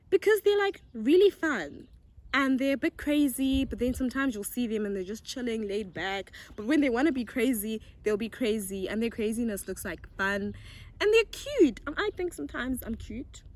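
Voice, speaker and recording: Answering viewer questions in a casual get-to-know-me chat, a young Zimbabwean-accented woman who makes YouTube videos is bubbly and giggly. Her voice is a little high and animated, at a moderate pace.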